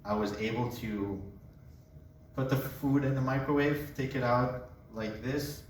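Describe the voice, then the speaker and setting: A young man from Colombia giving a casual personal testimony, a relaxed storyteller who jokes as he talks. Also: medium pitch, unhurried, far from the mic, slight background noise. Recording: echoey room, voice away from mic.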